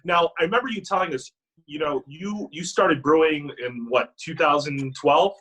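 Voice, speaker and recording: A man talking casually as an interviewer in a relaxed, informal chat. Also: on the high side, moderate pace, breathy edge, low-quality recording.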